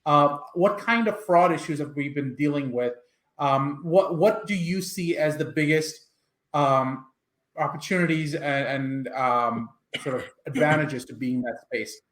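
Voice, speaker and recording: A man hosting a podcast interview, reading a sponsor spot and asking upbeat questions with quick restarts. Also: fairly high pitch, a bit bright, reverberant. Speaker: podcast host.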